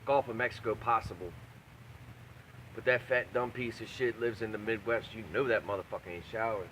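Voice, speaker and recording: A man's voice: lowish voice, fairly even intonation, brisk, a bit bright, slight background noise, poor audio. A man talking casually and profanely like a video blogger, brash and crude, hammering points home by repeating himself. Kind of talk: profane, casual rambling rant to camera.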